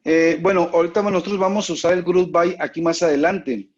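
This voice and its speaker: A man, his voice sitting a little high, leads an online lesson over a video call. He explains patiently and keeps asking whether everyone is following. The sound is muffled and lo-fi, like call audio. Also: fairly even intonation, brisk. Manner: patient, explanatory, often checks in with students. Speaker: instructor. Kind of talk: online class lecture.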